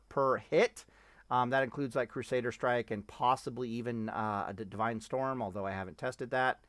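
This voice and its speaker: A man's voice: mid-range voice, fairly bright tone, no echo. A man giving casual, rambling commentary on a game, cursing and interrupting himself as he tests things. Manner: rambling, profane, self-interrupting. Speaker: gaming streamer.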